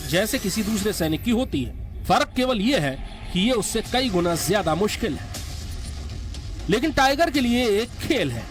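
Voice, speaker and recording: A man's voice: sits high, big pitch swings, normal speed, a little hiss or hum. A man reading scripted documentary narration as the narrator. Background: music.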